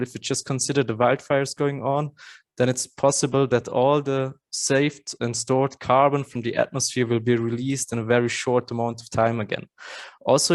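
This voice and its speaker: A man in his thirties from Austria, an English speaker, giving a conference presentation earnestly with frequent fillers and restarts. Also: medium pitch. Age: 30s.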